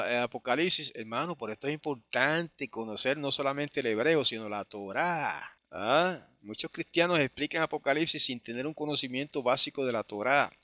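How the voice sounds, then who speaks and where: Bright-voiced man teaching scripture. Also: mid-range voice, dry recording. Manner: conversational, with frequent tag questions; reads scripture slowly in Hebrew. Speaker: Bible teacher. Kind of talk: Bible study teaching.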